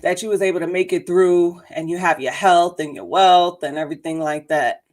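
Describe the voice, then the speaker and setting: Hosting a casual interview on her podcast, a woman talks with a guest in a low, darkish, steady voice at a moderate pace. She comes across upbeat and chatty, laughing readily.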